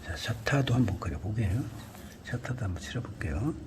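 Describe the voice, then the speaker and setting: A man giving a calm painting lesson, talking through each brushstroke and often dropping to a near whisper. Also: on the low side, fairly quick, background noise. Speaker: art instructor. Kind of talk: painting tutorial narration.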